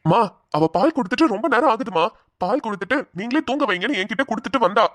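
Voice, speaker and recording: A woman's voice: a little high, lively intonation, fast talker, no echo, pitched below the performer's own voice. A woman voicing a worried young father who fusses over a crying baby and frets about where his wife has gone. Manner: anxious, fussing, searching for his wife.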